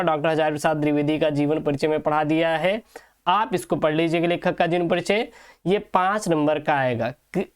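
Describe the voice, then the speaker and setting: A man teaching an online exam-prep lesson in a casual, coaxing way. He repeats each point and quizzes his students with quick check questions. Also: a little high, clean tone.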